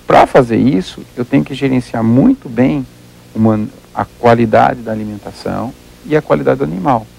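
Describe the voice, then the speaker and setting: A man's voice: medium pitch, expressive, normal speed, vocal fry, warm tone, breathy edge, poor audio. A Brazilian man, a livestock researcher as an interview guest, explaining at length and working through examples, often repeating words as he thinks.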